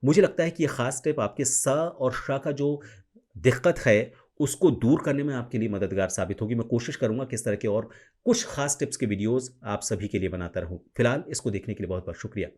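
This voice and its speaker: Man teaching pronunciation slowly. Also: mid-range voice, a little mellow. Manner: slow, careful, demonstrates sounds. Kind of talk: spoken tutorial to camera.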